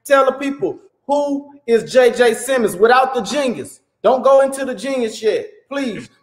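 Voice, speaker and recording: A man hosting a casual livestream interview, animated and repeating his words as he hypes the audience. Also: very high-pitched, moderate pace. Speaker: host. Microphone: phone.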